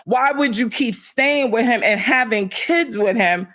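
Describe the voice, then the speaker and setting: A woman's voice: on the high side, a little slow, fairly bright tone, dry recording. A middle-aged woman talking in a casual livestream chat, impassioned and emphatic, often repeating herself for stress.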